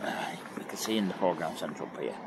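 A man's voice: fast talker, heavy background noise. A man vlogging as he rides a mobility scooter along a seafront promenade, giving a chatty, rambling running commentary. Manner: chatty, rambling, lively pitch. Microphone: camera on a mobility scooter.

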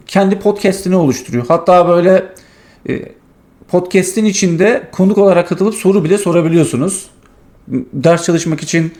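A man hosting his tech channel, casually walking through a software demo and thinking aloud with many fillers. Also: on the high side.

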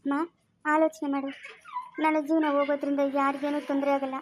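A woman's voice: high voice, level tone, quick pace, very noisy, close to an everyday voice. A woman playing an earnest, self-sacrificing poor young daughter in an amateur family drama, speaking rural Chikkaballapur Kannada. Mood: resigned. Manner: earnest, resigned.

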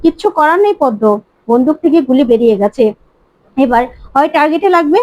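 A woman's voice: sits high, lively intonation, fairly quick, a little mellow. A woman voicing a cold young husband who acts as a henchman, giving blunt orders. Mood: curt. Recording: slightly muffled dry recording.

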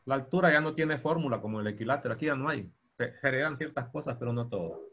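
A man teaching a university geometry class, dictating slowly and spelling out terms. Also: medium pitch, animated, fairly bright tone, muffled recording. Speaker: geometry lecturer.

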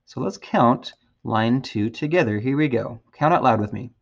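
A man teaching a beginner trombone lesson, patient and encouraging, counting out loud with his students. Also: mid-range voice, lively intonation, normal speed, creaky, highs cut off. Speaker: music teacher.

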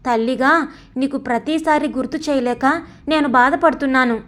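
A woman voicing a gentle, worried middle-aged mother who pleads with and scolds her son in a storybook reading. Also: high-pitched, normal speed. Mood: pleading. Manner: pleading, sorrowful, admonishing.

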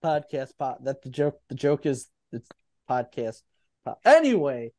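A man's voice: mid-range voice, sing-song, unhurried, a little mellow. A man hosting a casual podcast chat, teasing and joking with his co-hosts. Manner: jokey, teasing. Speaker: podcast host.

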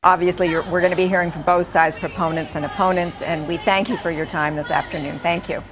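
A woman in her forties, a news anchor, asking questions in a measured, polished studio delivery. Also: on the low side, steady tone. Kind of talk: live news interview questions.

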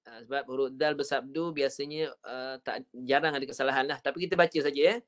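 A man with a Malaysian Malay accent teaching Quran recitation in an online class, patiently modelling each sound slowly and repeating it. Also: medium pitch, fairly even intonation. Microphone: online video call.

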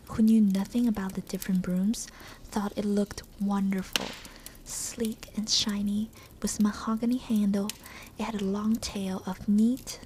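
Lady whispering a storybook for asmr, soft unvoiced whisper, mellow, faint hiss behind. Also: mid-range voice, poor audio.

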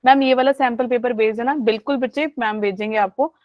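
A woman's voice: fairly high pitch, steady tone, fairly quick, dry recording. Chatty woman teacher on a lo-fi call. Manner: chatty, coaxing, mixes English into speech. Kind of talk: live online class. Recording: dull lo-fi online audio.

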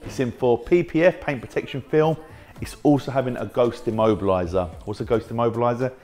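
In a large, bright indoor car workshop, the British owner of a car wrap business, a man in his thirties, leads a jokey, laid-back tour and talks with his staff along the way. He speaks a little fast in a mid-range voice with a darkish tone.

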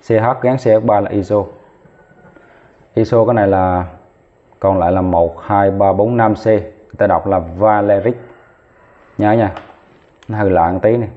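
Low-voiced male chemistry teacher, tinny audio. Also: normal speed, long pauses. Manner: talks while writing, counts aloud, corrects himself mid-step. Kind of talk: lesson at a whiteboard.

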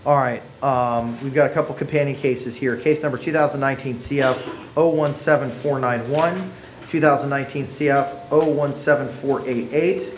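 Male judge, mid-pitched, heard on a roomy courtroom recording, calm procedural delivery. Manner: measured, procedural, reads case numbers. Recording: echoey courtroom audio, faint noise.

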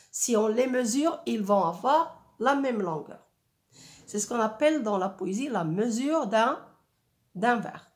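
Woman teacher, slightly high voice, slow and patient classroom delivery, stretches words into syllables. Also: a little mellow. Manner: patient, frequent "oui" and "euh", spells out syllables. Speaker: French teacher.

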